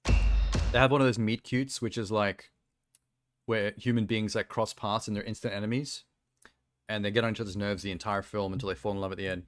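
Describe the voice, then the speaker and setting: A man's voice: lowish voice, fairly even intonation, brisk. An Australian man streaming casual reaction commentary, blunt and sweary, laughing easily.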